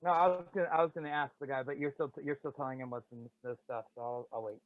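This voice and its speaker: A man's voice: medium pitch, steady tone, fast, no room sound. A man playing a tabletop game, asking reasoned questions. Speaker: player. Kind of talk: casual tabletop play. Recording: phone-like line with faint hiss.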